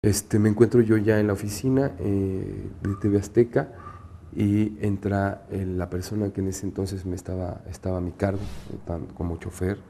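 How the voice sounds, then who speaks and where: A man's voice: low-pitched, creaky, mellow, a little hiss or hum. A man in an interview recounting a painful event steadily, with frequent hesitant fillers. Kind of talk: recounting a personal memory.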